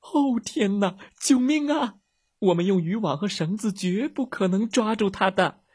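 A man's voice: sits high, normal speed, a little mellow, husky, pitched above the performer's own voice. A man voicing a timid, easily frightened little chubby sidekick in a children's story, with shaky, panicky cries. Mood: panicked.

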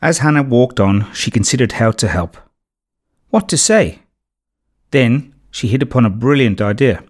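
A man's voice: mid-range voice, normal speed, hardly any pauses. A man steadily reading a children's storybook as narrator.

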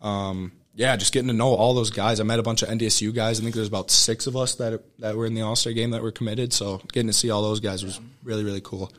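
A man's voice: fairly low pitch, flat delivery, fast, hardly any pauses, fairly bright tone. A young American man, a student athlete, telling earnest, informal, rambling anecdotes as a guest in a casual interview. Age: young adult.

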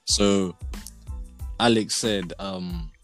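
A man's voice: low-pitched, fairly even intonation, extremely slow, soft background music. A young man with a London street accent, hosting a casual group chat with teasing, repetitive slang. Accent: London multicultural street slang accent. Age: young adult. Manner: slangy, teasing, repeats phrases. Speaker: host steering a group discussion.

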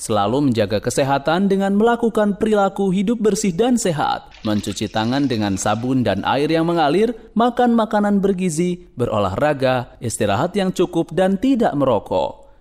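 A man's voice: a little high, big pitch swings, a little mellow. Formal male public-service announcer. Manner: measured formal instructive reading.

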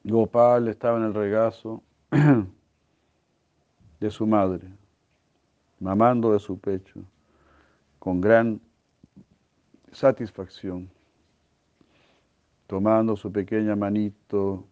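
Slow, low-voiced man giving a devotional talk. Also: fairly even intonation, a little mellow. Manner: slow and deliberate, often clears throat, asks "¿no?". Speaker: devotional speaker. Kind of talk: religious storytelling lecture. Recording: dull lo-fi recording.

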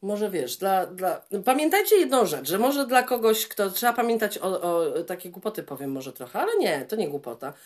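Lively, animated woman chatting casually. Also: normal speed, hardly any pauses. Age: 30s. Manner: animated, laughing, swings high and low. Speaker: podcast co-host. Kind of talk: casual chat.

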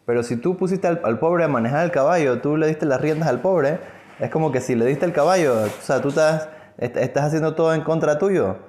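A man's voice: on the high side, a little fast, a little mellow. Man teaching a religious lesson, chatty. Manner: conversational, many fillers and restarts, asks and answers own questions. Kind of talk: casual religious lesson with a parable.

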